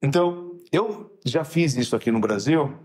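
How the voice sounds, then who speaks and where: Animated São rabbi storytelling. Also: male voice, normal speed. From Brazil. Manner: lively storyteller who acts out dialogue with sudden high shouts. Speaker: rabbi and podcast co-host. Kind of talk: casual podcast chat.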